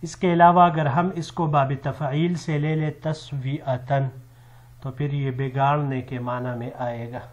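A man teaching an Arabic vocabulary lesson in a measured way, listing word forms and their meanings one after another. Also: medium pitch. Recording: slightly dull lo-fi recording.

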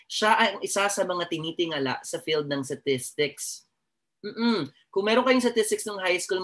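A man's voice: on the high side, a bit bright. A Filipino man giving a chatty, joking nursing lecture, mixing Tagalog and English and constantly addressing his class.

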